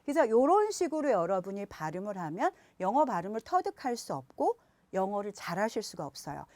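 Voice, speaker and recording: A woman teaching phonics to parents, speaking to viewers directly and slowing down to sound out example words. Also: on the high side, a little mellow, no room sound. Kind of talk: explanatory lesson.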